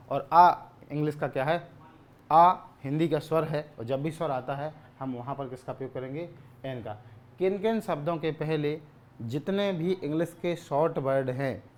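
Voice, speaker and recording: A male teacher with a voice on the high side gives a grammar lesson, asking questions and answering them himself. He repeats key words and often clears his throat.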